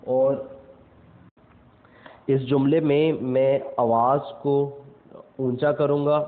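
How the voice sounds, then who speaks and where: A young man, giving a casual instructional talk and explaining step by step with frequent check-ins. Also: mid-range voice. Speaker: self-improvement speaker. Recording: tinny phone-like audio.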